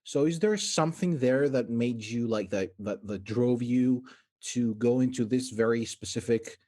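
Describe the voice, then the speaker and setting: A man's voice: medium pitch, normal speed, warm tone. A man hosting a casual video-call interview, rambling and self-deprecating. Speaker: interview host.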